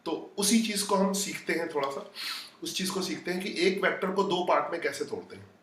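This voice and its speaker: A man's voice: high-pitched, a little fast, fairly bright tone, reverberant, distant mic. A man teaching a physics lesson live. He talks to his students casually and breaks off to read their comments. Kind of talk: live online lecture.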